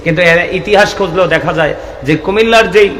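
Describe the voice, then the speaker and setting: Impassioned high-voiced male preacher, echoey hall. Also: quick pace, fairly bright tone, slight background noise. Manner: calls out to the audience for responses; rhythmic, impassioned preaching with regional dialect asides. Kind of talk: Islamic sermon to a crowd.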